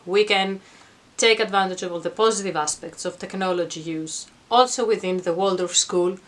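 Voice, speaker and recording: A vlogger, a middle-aged woman, speaks to camera in her home attic with a mid-range voice at a moderate pace. Her informal explanation comes across as reflective, earnest, and conversational.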